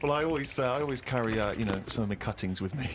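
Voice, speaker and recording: A man's voice: medium pitch, racing, background noise. A man, a podcast co-host, telling a self-deprecating comic story and acting out other people's lines.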